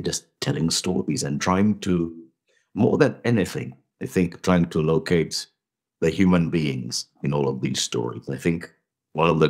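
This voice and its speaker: A man with a remarkably deep, low voice answers questions on a podcast. He is middle-aged and reflective, often repeating a word or starting over while he searches for the right phrase. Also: slightly rough. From Tanzanian family, grew up in Zimbabwe. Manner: thoughtful, halting, many restarts and repetitions. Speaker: guest actor. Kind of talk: conversational podcast interview.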